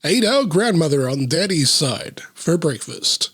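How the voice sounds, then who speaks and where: A man's voice: a little high, sing-song, unhurried, fairly bright tone, breathy edge, dry recording, clean studio sound, heavily acted. A man voicing a group of small, upset rabbit children from a storybook in a plain reading voice.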